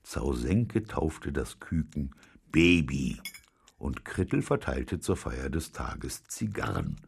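A man reading a children's story aloud with expressive storytelling. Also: extremely low pitch, takes it slowly, vocal fry, slightly rough. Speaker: audiobook reader.

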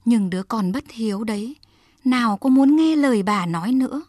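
Woman, storyteller for kids, slow, slightly high, husky, dry close sound. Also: dry recording. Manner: slow, expressive, addresses children directly. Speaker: storyteller for children. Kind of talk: scripted narration of a folk tale.

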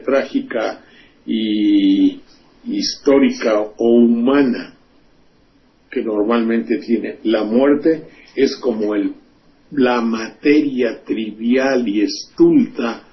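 Scornful man ranting on radio. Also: medium pitch. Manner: scornful, profane, rhetorical questions. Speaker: radio host and commentator. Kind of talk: indignant political commentary. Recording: dull lo-fi radio recording, faint hiss.

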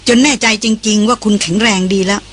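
A woman's voice: medium pitch, fairly even intonation, fairly bright tone, close to an everyday voice. Woman reading a grave American woman employer. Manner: slow and grave.

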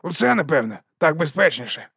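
Give me a man playing a cowardly, scruffy watchman, high and nervous. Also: very animated, brisk, creaky, a bit bright, slightly rough, dry recording, studio quality, heavily acted. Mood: sly.

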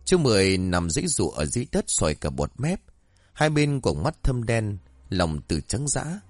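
A man narrating a serialized story in an expressive, dramatic way. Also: fairly low pitch, normal speed, no room sound.

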